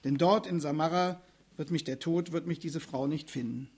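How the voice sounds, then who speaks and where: A man's voice: a little high, normal speed, darkish tone, breathy edge. A man voicing a terrified young male servant who pleads urgently to flee. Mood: frightened pleading.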